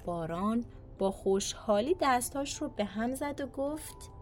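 A woman telling a bedtime story for small children, in a soft, soothing manner with a fairly high voice. Gentle music plays faintly under her narration. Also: animated.

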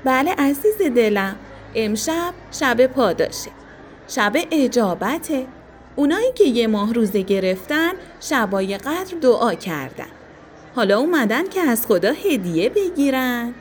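A woman playing a gentle, patient mother who speaks affectionately and reassuringly to her little daughter in a storybook. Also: a little high, sing-song, slight background noise. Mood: tender.

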